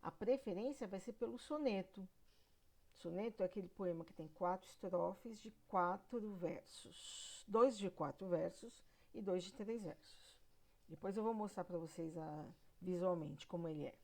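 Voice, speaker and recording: A female literature teacher with a Brazilian Portuguese accent gives a recorded lesson in a lowish, darkish, unhurried voice. She explains step by step, counts syllables aloud and checks in with her students.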